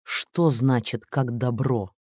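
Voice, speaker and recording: A man reading an audiobook story, voicing a coarse, quick-tempered male president who snarls and hisses. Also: mid-range voice, fairly even intonation, a little mellow, no room sound, clean studio sound. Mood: hissing. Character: gruff powerful middle-aged male president, contemptuous, quick to rage.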